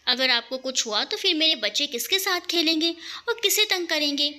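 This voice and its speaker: A woman's voice: sits high, lively intonation, moderate pace, bright, forceful tone, heavily acted. A woman doing a grumpy young man who snaps. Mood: teasing. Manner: curt, irritated scolding.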